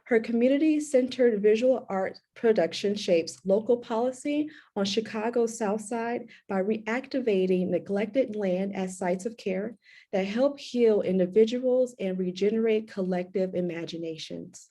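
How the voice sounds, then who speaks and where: A woman host reading formal guest introductions and then moderating an arts panel over a video call, in a clear, measured way. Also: medium pitch, mellow. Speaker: co-curator and host.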